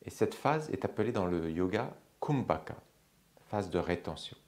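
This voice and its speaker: A man teaching yoga, calmly guiding a slow breathing exercise with long pauses. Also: sits low. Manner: slow, calm, measured guidance with long pauses. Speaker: yoga instructor.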